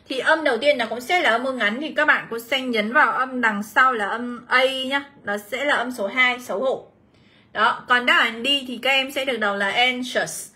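Bright-voiced chatty woman teacher. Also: fairly high pitch. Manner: chatty, reads out student comments, calls class "mọi người". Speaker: English teacher. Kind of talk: livestream exam review lesson.

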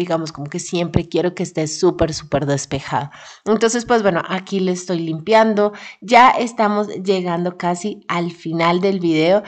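A woman's voice: on the low side, darkish tone. A woman in her thirties narrating a home cleaning vlog in a chatty, friendly voice-over, full of fillers. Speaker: vlogger.

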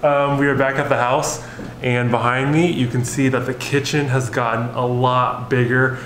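A man's voice: mid-range voice, level tone, normal speed, a bit bright, echoey room, slight background noise, rough recording. A young man casually walking viewers through a house renovation, chatty and upbeat with frequent fillers, filmed on a handheld camera. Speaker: home renovation vlogger. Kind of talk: casual walkthrough vlog. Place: house under renovation and its yard, indoors and outdoors. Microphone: handheld camera held at arm's length.

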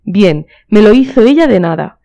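A woman's voice: mid-range voice, animated, moderate pace, mellow, muffled recording, close to an everyday voice. The Duchess, a woman reading as a teasing noblewoman. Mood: teasing, playful. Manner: teasing, coquettish. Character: playful flirtatious aristocratic duchess.

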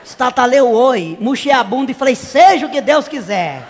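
A very high, singsong woman with a country drawl gossips and shrieks through a comic tale on stage, as a man puts her on. The voice swoops wildly up and down with theatrical exaggeration. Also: animated, normal speed, big-room sound, background noise. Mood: gossiping. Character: brash rural middle-aged woman, chatty and dramatic. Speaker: stage comedian. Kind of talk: live stand-up character monologue. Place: live stage show.

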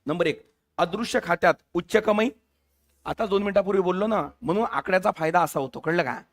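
A man's voice: high-pitched, a little fast. A male teacher giving a lecture for competitive exams, firing questions at his students and mixing English terms into his talk.

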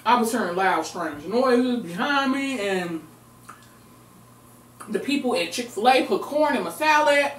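A young woman with a fairly high, expressive voice talks a little slowly while eating on camera in her home recording room for a casual mukbang vlog. Murmured eating sounds weave through the chat, and a distant camera mic leaves it echoey, far off, and touched by a little hiss or hum.

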